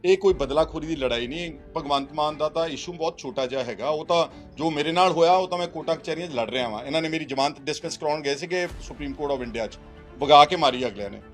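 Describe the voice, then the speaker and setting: A Punjabi-accented man speaks as a politician, his voice pitched high for a man. He answers with insistent, repetitive rhetoric and slips English phrases into his talk. Faint music sits under this news clip. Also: fast. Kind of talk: press interaction, mixing English phrases.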